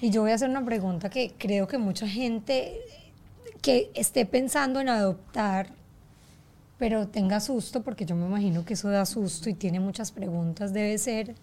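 A woman hosting a podcast interview, asking probing questions and reacting with quick exclamations. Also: mid-range voice, dark tone. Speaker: podcast host. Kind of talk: conversational interview.

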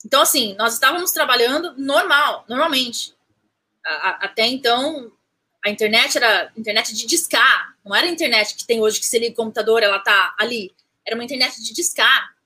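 A woman, recounting a personal story as an interview guest, animated, restarting phrases and acting out what people said. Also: on the high side, brisk, breathy edge. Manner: animated, restarts phrases, acts out quoted speech.

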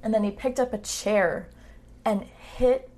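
A woman's voice: mid-range voice, slow, darkish tone. Chatty young woman co-host. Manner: chatty, agrees often, swears casually. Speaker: podcast co-host. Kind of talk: casual true-crime chat.

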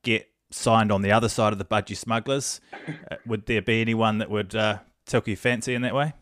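A man's voice: on the low side, fairly even intonation, a little fast, fairly bright tone, no echo, clean studio sound. A man presenting a podcast as host in a casual, conversational style.

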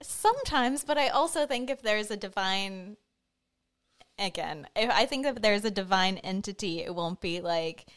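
A woman's voice: medium pitch, expressive, moderate pace, fairly bright tone. Playful woman with a bouncy voice. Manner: playful, laughs often, asks blunt questions. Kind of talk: casual podcast chat.

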